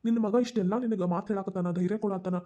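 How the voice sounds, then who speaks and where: A performer voicing a steady middle-aged uncle in a cartoon, with a North Karnataka Kannada accent and a calm, advising manner. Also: mid-range voice, very fast, muffled recording, close to an everyday voice. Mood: reassuring. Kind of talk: cartoon voice acting.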